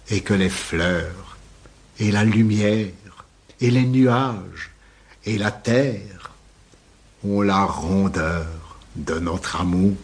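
An older man, a poet, reciting his own verse in a measured, lilting poetry-reading style. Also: fairly low pitch, slightly rough.

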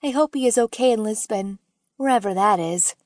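A woman narrator voicing a young boy who talks softly and wonderingly. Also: medium pitch, fairly quick, no echo, studio quality, natural voice. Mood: wistful.

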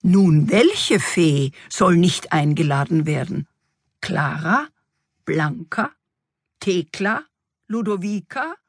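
A woman's voice: lowish voice, lively intonation, slow, breathy edge, no room sound, exaggerated voice. A woman voicing a dry, matter-of-fact royal court marshal in a storybook reading.

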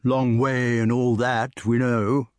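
A man's voice: mid-range voice, little pitch movement, slow, dry recording, lightly acted. A man doing a ponderous older knight. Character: slow, solemn older male knight guest.

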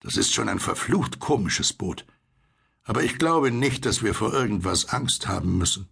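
A man voicing a bluff, practical sailor who calls out loudly and speaks in a blunt, challenging way in a storybook reading. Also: on the low side, lively intonation, moderate pace, creaky, husky, exaggerated voice. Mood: reassuring.

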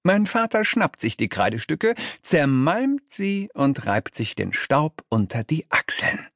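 A man narrating a children's fantasy audiobook in an expressive, lively reading. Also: a little high, measured pace, dry recording, studio quality.

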